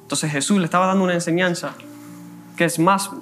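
A man with a Cuban Spanish accent giving a conversational sermon as a minister, slowing down to read scripture aloud. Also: high voice, steady tone, a bit bright, soft background music. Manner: conversational preaching, slows down reading scripture. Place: church.

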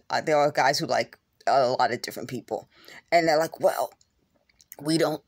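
A middle-aged woman vlogger, just woken up, talks earnestly and repetitively into a phone camera held close at home, rambling to the lens. Her voice is low, slightly rough and scratchy-throated, and the sound is studio quality with no echo.

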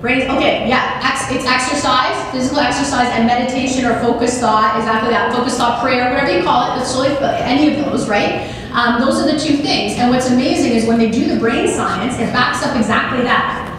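A woman in her forties giving a lively motivational keynote at a podium microphone, often asking the audience questions. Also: high voice, brisk, crowd noise. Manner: energetic, asks the audience questions, gestures a lot. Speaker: keynote speaker. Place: large banquet hall with audience. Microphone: podium microphone on a stand. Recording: echoey hall recorded from a distance.

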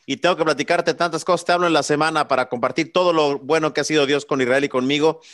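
A man's voice: on the high side, steady tone, fast, fairly bright tone. A man from Mexico with a Mexican Spanish accent, hosting a boxing show interview in a chummy, religious way, with slang and swearing. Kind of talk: casual interview.

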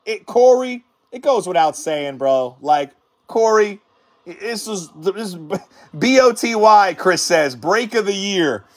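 A man hosting a card-break stream, calmly calling out cards and then shouting in hyped excitement at the big hits. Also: sits high, takes it slowly. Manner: hyped, shouting exclamations between calm card callouts.

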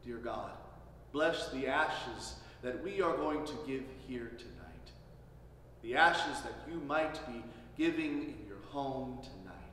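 A male pastor leading an evening service in measured, solemn phrases that fade softly at the ends, his voice carrying a cathedral-like echo. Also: medium pitch, slight background noise. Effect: cathedral-like echo, long church reverb. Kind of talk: Ash Wednesday sermon and liturgy. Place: large church. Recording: distant mic in echoey church hall.

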